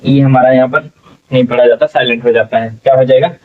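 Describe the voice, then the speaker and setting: Speaking fast in a steady, mid-range voice, a man runs a slow English spelling lesson in Hindi. He sounds out words letter by letter, repeats them and asks the class what they become, captured distantly with a tinny, phone-like quality.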